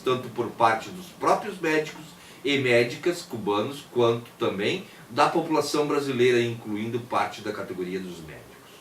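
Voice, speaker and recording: A man's voice: mid-range voice, a bit bright. A Brazilian man reading a prepared text aloud in a formal manner, stumbling at times and voicing punctuation as if dictating. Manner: formal, stumbles and rereads words; voices quotation marks aloud like dictation. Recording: echoey, distant mic, faint background noise.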